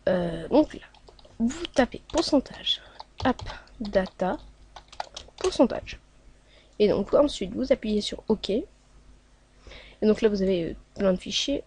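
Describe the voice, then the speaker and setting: A woman's voice: medium pitch, lively intonation, takes it slowly, pauses often, darkish tone, slight background noise. A woman hosting a casual screen-recorded tutorial, talking along hesitantly with many filler sounds as she clicks through steps. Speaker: tutorial host.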